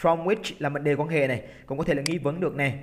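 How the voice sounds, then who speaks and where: Lively Vietnamese man teaching an exam class. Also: on the high side, fast talker, slight background noise. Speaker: English teacher. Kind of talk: exam-prep lesson, explaining test answers. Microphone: computer recording while drawing on screen.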